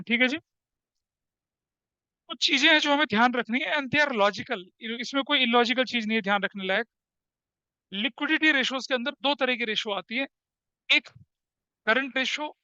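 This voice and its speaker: A man's voice: very high-pitched, sharp tone, no echo, muffled recording. A male commerce teacher lecturing a class, asking questions and answering them himself, with English terms mixed into his Hindi.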